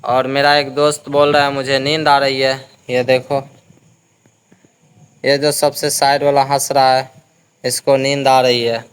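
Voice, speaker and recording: A man talks to his viewers in a chatty vlog style while sitting outdoors. His voice is smooth and resonant, and his pitch stays quite even. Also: a little slow, long pauses. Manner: chatty, addressing viewers as guys. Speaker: vlogger. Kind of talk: casual vlog chat. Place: outdoors in the wind.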